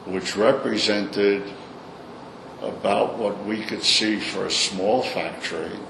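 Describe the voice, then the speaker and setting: A man's voice: fairly low pitch, fairly even intonation, slow. An older man with a Brooklyn accent telling his stories informally in an interview, in a blunt, salty, opinionated way. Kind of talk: informal storytelling in a recorded interview. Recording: echoey room, clear background noise.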